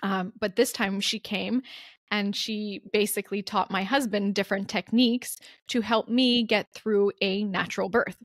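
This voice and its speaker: A young woman in a relaxed interview chat tells her story with plenty of laughs, mimicking the people she quotes. Her voice sits at an ordinary middle pitch. The recording is close and dry, with no room sound. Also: normal speed, dry recording. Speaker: guest mother telling her birth story.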